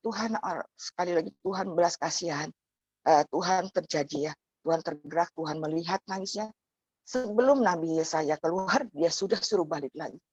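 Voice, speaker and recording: A woman's voice: on the low side, normal speed, a little mellow, slightly rough, dry recording, muffled recording. A woman preaching a sermon in a conversational way. She often tags her phrases with a questioning "ya" and speaks straight to the congregation.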